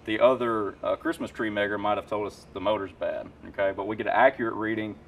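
Speaking fast in a lowish voice with fairly level intonation, a man in his thirties walks through HVAC tools in chatty, eager shop talk packed with fillers. He's in a shelved warehouse parts room. The distant recording carries a bit of hiss or hum.

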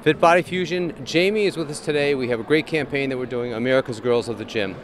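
At a fitness expo, a man in his forties hosts a casual interview into a handheld mic, standing before a backdrop in a large indoor hall. He's upbeat and enthusiastic, talking fast in a mid-range voice with frequent restarts, and there's a little hiss or hum on the recording.

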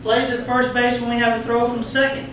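Speaking briskly in a very high voice with little pitch movement, this umpire clinic presenter, a middle-aged Texan, coaches a big meeting room of umpires, throws questions to the room and cracks homespun jokes. The background is noisy, and the audio comes from a far-off room camera with no mic in sight, leaving it heavily echoey.

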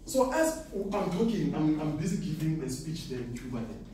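A young South African forex trading speaker gives an animated, boastful live seminar to students seated in a classroom, often laughing at his own lines. His voice is on the high side and a little fast, picked up with no mic by a far-off camera, so the room sounds echoey with slight background noise.

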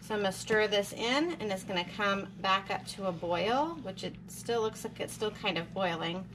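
With a medium-pitched voice at normal speed, a woman talks through a home cooking project in a practical, chatty way, thinking out loud as she works. She's a home cook and homesteading vlogger, recorded by a camera over the stove and counter, with background noise audible.

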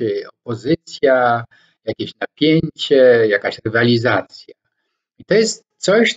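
A scholar commentator from Poland, a man in his sixties with a medium-pitched voice, lectures reflectively to camera indoors in his home study among bookshelves. His delivery is slow and deliberate, with frequent hesitation sounds and pauses as he searches for words, and both hands gesture. Captured in head-and-shoulders framing on a webcam or laptop microphone, the audio is lo-fi and dull.

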